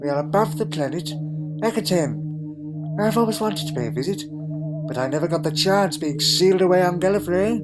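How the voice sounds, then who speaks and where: A man's voice: high-pitched, expressive, moderate pace. A man playing a crotchety, secretive old alien grandfather in a fan audio drama, with hesitant muttering, hums and pompous phrasing. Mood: musing, explaining. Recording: music laid under the voice.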